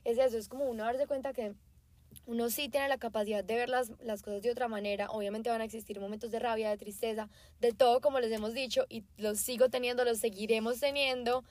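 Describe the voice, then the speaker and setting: A woman co-hosts a podcast in a casual, chatty way, piling on fillers as she talks to her listeners. Her voice sits fairly high and moves at a rapid clip. The sound is dry and close, with no room around it. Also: fairly even intonation, a little mellow, no echo. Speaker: podcast co-host.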